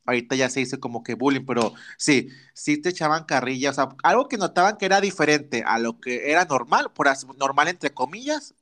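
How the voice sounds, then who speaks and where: A man's voice: medium pitch, animated, fairly quick, few pauses, fairly bright tone. A man with a Mexican accent hosting a podcast interview, campy, teasing and flirtatious in casual chat. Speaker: podcast host.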